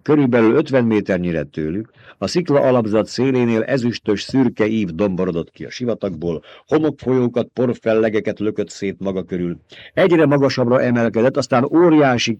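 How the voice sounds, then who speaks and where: A man with a fairly low voice narrates a novel aloud, his delivery dramatic and tense, dropping to a near hush and then building again. His pitch rises and falls widely across phrases. The sound is close and dry, with no room around it. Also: lively intonation, dry recording, highs cut off. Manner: dramatic, tense storytelling with hushed drops in volume. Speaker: audiobook narrator. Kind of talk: scripted audiobook narration.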